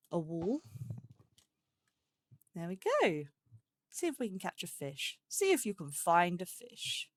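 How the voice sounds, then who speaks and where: Her voice sits on the low side, and there's no echo. She's a gaming host offering easygoing let's play commentary, reasoning aloud and talking to the in-game animals.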